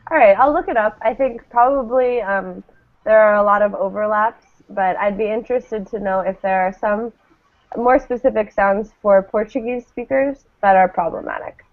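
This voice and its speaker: A woman's medium-pitched voice, at a moderate pace and with phone-quality sound, carries over thin call audio. She is giving a live online English pronunciation lesson, drilling word pairs, encouraging and carefully enunciating model words.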